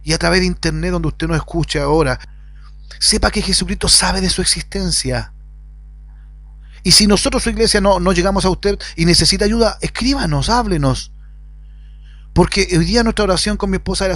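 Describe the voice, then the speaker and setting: A man preaching a sermon, swinging between loud emphatic rises and quiet lowered phrases. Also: brisk, dry recording. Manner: preaching with sudden rises and drops in pitch. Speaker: pastor. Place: at home.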